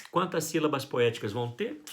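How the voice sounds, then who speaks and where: A man with a Brazilian Portuguese accent teaching literature in a recorded online class. His voice sits in a middle range, and he talks in a lively, playful way. He jumps up in pitch when he acts out lines for the students. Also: a little fast, a little hiss or hum.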